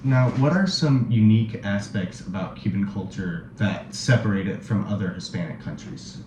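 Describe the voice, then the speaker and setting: A man's voice: lowish voice, normal speed. A man hosting his own channel, asking interview questions in a polite, earnest way. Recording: roomy and noisy.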